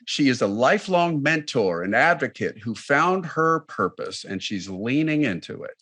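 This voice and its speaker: A man's voice: mid-range voice, sing-song, normal speed, fairly bright tone. A man co-hosting a podcast, reading the guest introductions with enthusiasm and emphasis. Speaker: podcast co-host.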